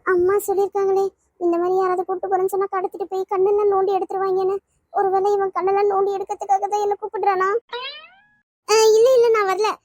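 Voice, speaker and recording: A timid, suspicious young woman in a cartoon, voiced by an actor, her very high, girlish voice rushing along. She pleads and frets constantly, recorded dry and close. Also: completely flat delivery, darkish tone, no room sound. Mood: fretful musing. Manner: quick, pleading, fretful talk. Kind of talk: cartoon voice acting.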